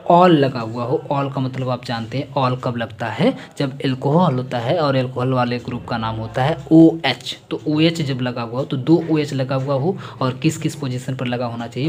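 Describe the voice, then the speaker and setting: A man's voice: mid-range voice, darkish tone. Man teaching chemistry in a lecture. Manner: chatty, repeats key points, Hindi mixed with English terms. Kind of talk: exam-focused classroom lecture.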